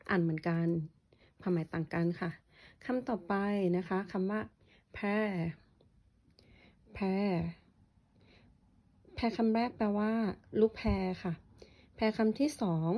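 Slow, careful woman teaching vocabulary. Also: mid-range voice, dark tone. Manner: slow, careful, repeats each word. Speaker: English teacher. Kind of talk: short vocabulary lesson.

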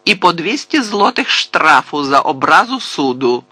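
Man doing a stern judge, loud, raised pitch, lively, audiobook. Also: moderate pace, dry recording, exaggerated voice. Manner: severe, booming pronouncements. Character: stern, short-tempered male judge.

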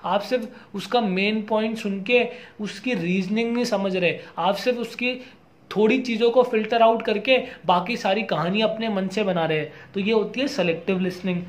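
A young adult man teaching an exam-prep lecture in a casual mix of Hindi and English, reading out English definitions slowly. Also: sits high.

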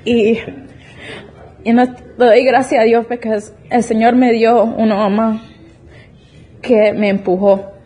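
A woman's voice: a little high, flat delivery, slow pace, long pauses, warm tone, husky. A young woman in her twenties giving an emotional, earnest church testimony, often restarting her sentences. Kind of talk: personal faith testimony.

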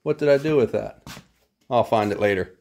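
In his garage workshop, a vintage three-wheeler restorer chats casually while showing off an old three-wheeler, cracking wry jokes at his own expense. His mid-range voice moves at a moderate pace, with a darkish tone and some vocal fry.

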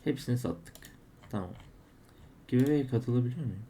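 A man with a warm, medium-pitched voice narrates his case openings as he plays, at normal speed and in an animated way. He gets frustrated, grumbling and exclaiming at each loss. There is a little hiss or hum.

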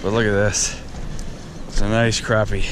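Out on a riverbank by a fallen tree, this fishing video host speaks in a lowish voice at an unhurried pace, yet his casual commentary to viewers is excited and chatty. An action camera on his head or chest records him, with river and wind noise coming through the outdoor mic.

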